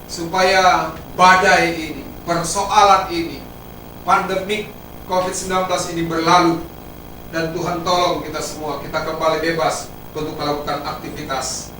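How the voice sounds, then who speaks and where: A man, preaching a sermon as pastor, emphatic, with sudden rises and drops in pitch and volume. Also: bright, forceful tone, a little hiss or hum. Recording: roomy echo, heard from a distance.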